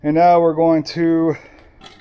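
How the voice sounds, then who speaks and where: A young man chatting casually while working on a car in his garage, excited and swearing often. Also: on the high side, a little slow, clear, resonant tone, highs cut off. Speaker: car builder vlogger.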